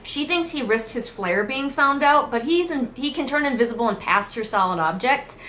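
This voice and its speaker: A book critic hosting a readalong speaks in a high, expressive, fairly bright voice at normal speed, casual and sarcastic. She delivers exasperated, mocking asides and acts out quotes. Faint ambient noise is audible, with a train passing outside at times.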